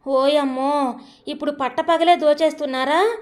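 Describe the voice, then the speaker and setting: A woman doing a feisty, sharp-tongued young woman. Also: high voice, lightly acted. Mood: scolding. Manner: quarrelsome, quick retorts.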